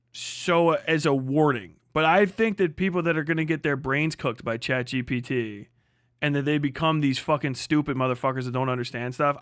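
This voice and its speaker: A man hosts a casual livestream, ranting and chatting with viewers bluntly, full of slang, swearing and sardonic, hyperbolic exaggeration. His voice is a little high and fairly bright, recorded at studio quality with no room sound.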